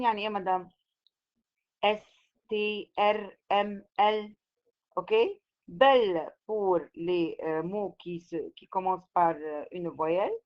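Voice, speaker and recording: Woman teacher with Egyptian Arabic accent, lo-fi sound. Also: lowish voice. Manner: switches between French and Arabic with English glosses; slow, repetitive explaining. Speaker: French teacher. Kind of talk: classroom lesson. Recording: slightly dull lo-fi recording.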